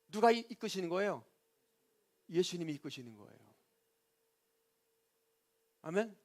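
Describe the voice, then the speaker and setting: A male pastor preaching a sermon in a church, asking rhetorical questions, answering them himself and calling on the congregation for an amen. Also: high-pitched. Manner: call-and-response, repeatedly asking the congregation for amen. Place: church sanctuary.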